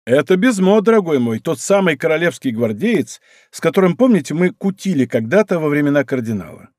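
A man voicing a bold, teasing musketeer captain who talks in a brisk, rough-affectionate way. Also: on the high side, very animated, a little mellow, dry recording, studio quality. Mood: bantering.

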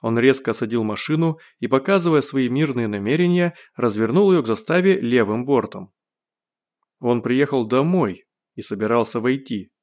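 A man narrating an audiobook with expressive, wry storytelling. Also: mid-range voice, moderate pace. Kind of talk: scripted narration.

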